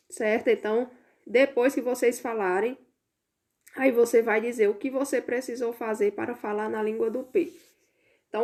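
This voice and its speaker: A Brazilian woman teacher records a remote lesson, walking her pupils through the homework one step at a time. Her voice sits a little high for a woman. She repeats every instruction patiently so that no one gets lost. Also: mellow. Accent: Brazilian Portuguese. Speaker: primary school teacher.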